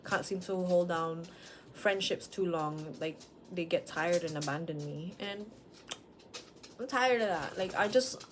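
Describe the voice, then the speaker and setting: A woman's voice: lowish voice, measured pace, background noise. A woman in her late twenties talking frankly at home, rambling and questioning herself in a personal vlog. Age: late 20s. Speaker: vlogger. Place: at home with dogs.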